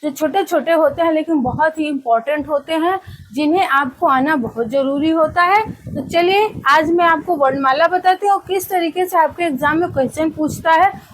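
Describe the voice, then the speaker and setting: A woman's voice: high voice, moderate pace, a little hiss or hum, rough recording. A woman teacher telling a story to students as a lesson, often asking them rhetorical questions and calling them children. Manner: addresses listeners as children, asks rhetorical questions.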